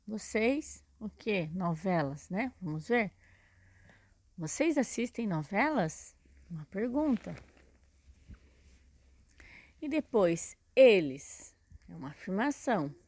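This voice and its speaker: A woman's voice: medium pitch, a little mellow, no room sound. Patient teacher woman, dry close sound. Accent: Brazilian Portuguese. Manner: patient, explains step by step with many "né?" and "tá?". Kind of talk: recorded video lesson.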